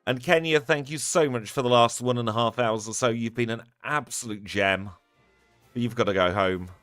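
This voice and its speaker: A man's voice: medium pitch, moderate pace, fairly bright tone, no echo, studio quality, soft background music. Chatty man streaming a game. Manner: chatty, upbeat, thanks viewers one by one. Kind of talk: live stream sign-off chat.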